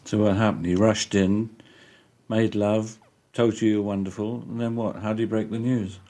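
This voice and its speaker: A man conducting a documentary interview, asking gentle but probing questions. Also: lowish voice, little pitch movement, moderate pace.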